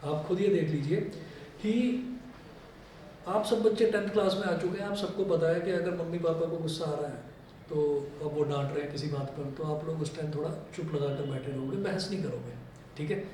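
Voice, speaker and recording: A high-pitched man teaches a chemistry class, explaining with stories and playful asides. He is heard from a distance in a very echoey room, with faint noise behind him. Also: brisk, a little mellow. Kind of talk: recorded classroom lecture.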